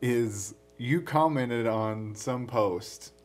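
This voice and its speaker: A man's voice: mid-range voice, drawn-out words, over a noisy crowd. A man co-hosting a podcast in casual chat, often laughing as he tells stories. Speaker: podcast co-host.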